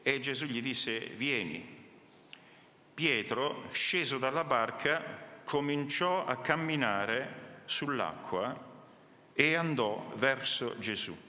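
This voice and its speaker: A male pastor reads scripture and prays slowly and deliberately. His voice is bright and forward, and it rings out through a church hall with a long reverb. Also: mid-range voice, slight background noise. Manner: slow, measured reading and prayer. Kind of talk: sermon with scripture reading and prayer. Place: church hall during a worship service.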